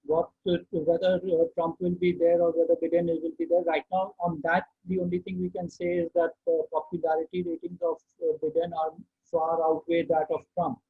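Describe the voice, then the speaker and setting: Male webinar host, Indian accent, raspy, halting question-and-answer delivery, dry narrow phone-like audio. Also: a little high, level tone. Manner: halting, deliberate, repeats words. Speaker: host of an online market outlook session. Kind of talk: unscripted question-and-answer commentary. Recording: tinny phone-like online call.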